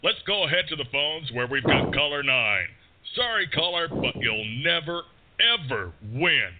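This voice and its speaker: A man's voice: a little high, sing-song, moderate pace, background noise. A man playing a harried country radio DJ who grows exasperated with callers and swears when he loses patience. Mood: upbeat. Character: harried male country radio DJ, short-tempered. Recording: phone-like audio with music behind.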